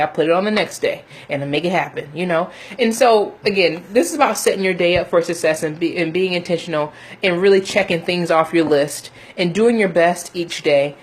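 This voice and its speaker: A woman's voice: mid-range voice, breathy edge. A woman giving a casual, motivational livestream talk in a chatty, emphatic way, often checking in with her listeners. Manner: chatty, emphatic, laughs often, punctuates with "okay?" and "you know". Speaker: motivational faith coach, livestream host.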